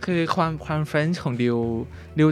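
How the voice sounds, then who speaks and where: A young man, an intern guest, talking in a casual panel chat that mixes Thai and English, measured and pausing often with fillers. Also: on the high side, soft background music.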